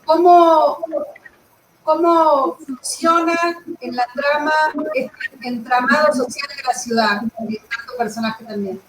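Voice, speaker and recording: A woman with a high-sitting voice speaks slowly while conducting a conversational literary interview, framing her thoughts reflectively and tentatively. The recording has a roomy echo and clearly audible background noise.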